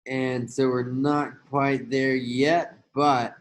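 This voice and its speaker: A man hosting a trading channel, talking fast and loosely through a screen-share market rundown, with hiccups and gasps between phrases. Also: mid-range voice, flat delivery, low-quality recording. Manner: fast, rambling, with fillers and restarts. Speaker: forex trading channel host.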